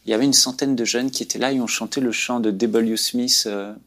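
A man's voice: mid-range voice, fairly even intonation, a little fast, fairly bright tone. A man sharing a personal faith testimony in an earnest, preacherly storytelling way as a guest on a talk show.

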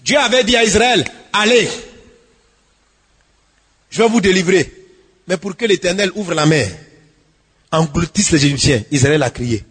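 Male pastor, high and husky, preaching with big swings from hushed pleas to shouts, reverberant hall. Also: measured pace, long pauses. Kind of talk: sermon.

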